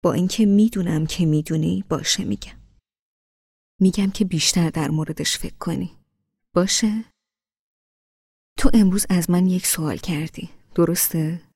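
A woman reading an audiobook, voicing a young husband who reasons with his wife in a soft, hushed voice. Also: on the low side, creaky, pauses often, slightly rough, dry recording, clean studio sound. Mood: reproachful. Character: patient young husband, calm and reproachful.

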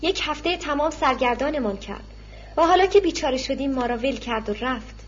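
A woman's voice: high-pitched, lively intonation, dull audio. Woman reading as a bitter thin shoemaker. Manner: bitter complaining.

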